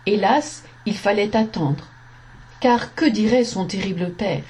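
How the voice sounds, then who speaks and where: A woman reading a story aloud in a slow, measured narration, giving the quoted lines a voice. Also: mid-range voice, darkish tone.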